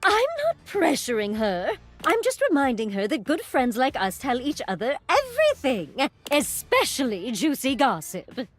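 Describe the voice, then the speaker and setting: Video game gossip, highish voice, animated swings, sassy drawl, nosy, teasing. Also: female voice, moderate pace, hardly any pauses, faint music behind, exaggerated voice. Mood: pushy, gossipy. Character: sassy, nosy, gossip-loving female friend, playfully pushy. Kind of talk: video game character acting.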